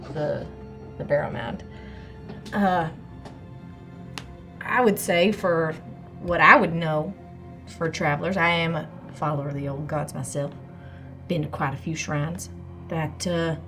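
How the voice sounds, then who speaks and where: A woman role-plays at a tabletop game. Her voice sits a little low, and she improvises politely and hesitantly over light background music. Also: fairly bright tone. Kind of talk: improvised in-character role-play.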